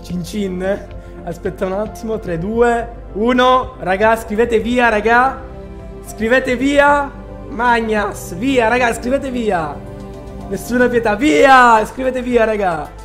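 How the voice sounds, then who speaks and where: A young man chatting casually and excitably to his livestream viewers from a small room. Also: sits high, a little slow, faint music behind. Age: young adult.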